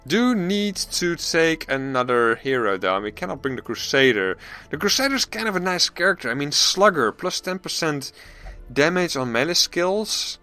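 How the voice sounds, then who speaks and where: Man, let's play commentary, animated pitch, bright forceful tone, faint music behind. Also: normal speed. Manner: thinking aloud, self-deprecating, frequent restarts. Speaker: gaming channel host.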